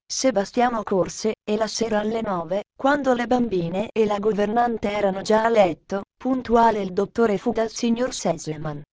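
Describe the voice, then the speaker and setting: A woman reading a children's classic aloud in measured storybook narration. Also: medium pitch, a little mellow. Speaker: audiobook narrator.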